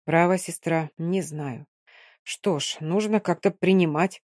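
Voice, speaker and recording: A woman voicing a thin, stooped army doctor with a hoarse voice who speaks gloomily and curtly. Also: on the low side, measured pace, darkish tone, no room sound, studio quality. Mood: gloomy. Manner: gloomy, curt.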